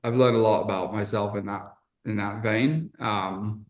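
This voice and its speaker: An English entrepreneur appears as a podcast guest, talking candidly and reflectively in a casual conversation full of fillers and restarts. His voice is on the low side, with a steady tone and measured pace.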